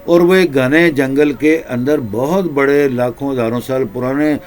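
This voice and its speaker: A man preaching in a slow, repetitive storytelling manner with drawn-out pauses. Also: mid-range voice, darkish tone, a little hiss or hum. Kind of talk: storytelling sermon.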